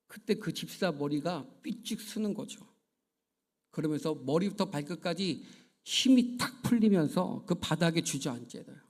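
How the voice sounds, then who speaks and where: Male pastor, high voice, earnest storytelling sermon in a church, acting out the characters' words. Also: animated, normal speed, darkish tone. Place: church sanctuary.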